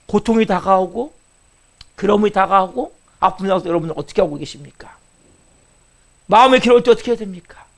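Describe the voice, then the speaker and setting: High-voiced pastor preaching. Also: male voice. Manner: calls out to the congregation, asking questions; acts out a jealous wife in heated quotes. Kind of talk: sermon.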